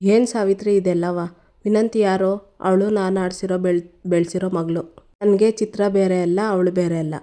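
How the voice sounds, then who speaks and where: A firm, reassuring household matriarch, as a woman narrator puts her on, speaking low and mellow with an even melody. She sounds steady and in control of the family. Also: moderate pace, close to an everyday voice. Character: calm elder sister-in-law, firm and reassuring.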